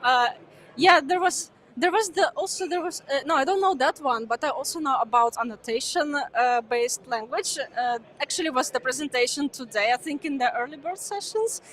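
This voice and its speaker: At a crowded conference, a young native Ukrainian speaker answers interview questions with a high voice and an easygoing, hesitant manner. She leans on frequent "uh" fillers, pausing often, and lets out light laughs.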